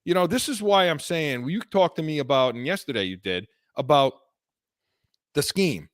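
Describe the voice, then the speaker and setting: Worn-voiced guy ranting about football, jumps around a lot, fairly high for a man. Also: moderate pace, dry recording, studio quality. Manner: animated, breaks off and restarts mid-sentence. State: voice worn from illness. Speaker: podcast co-host. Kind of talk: heated sports talk.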